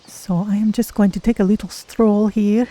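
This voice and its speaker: A streamer roleplays a gentle cat-folk adventurer in a video game, musing aloud in deliberate, formal phrases. The voice is medium-pitched and steady, close to an everyday voice, with a calm, reflective mood.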